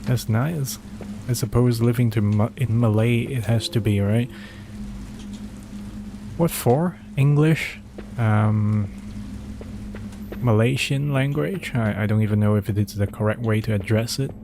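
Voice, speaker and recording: A man whose native language is Cantonese plays a horror game on stream, reading documents aloud before skipping ahead with asides and taking chat questions. His medium-pitched voice is unhurried, with vocal fry and frequent pauses, over game music and background noise.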